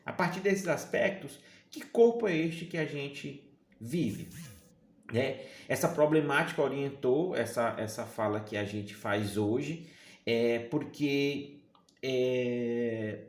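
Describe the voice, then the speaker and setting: A man with a Northeastern Brazilian accent delivers a recorded academic talk, his voice sitting at an ordinary mid pitch. He lectures in a measured, searching way, pausing on fillers and tag questions to keep his listeners with him. The recording carries a noticeable roomy echo. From Piauí, Northeastern Brazil. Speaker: university lecturer.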